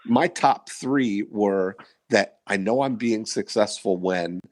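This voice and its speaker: Slow, low-voiced man in his fifties. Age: 50s. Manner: reflective, rambling with many fillers. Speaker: podcast host. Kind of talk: casual interview chat.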